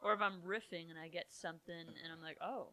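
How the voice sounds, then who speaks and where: A woman's voice: on the low side, fairly even intonation, fast talker, bright, forceful tone. A woman co-hosting a casual comedy podcast, chiming in with short supportive remarks. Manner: brief supportive interjections. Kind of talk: casual chat.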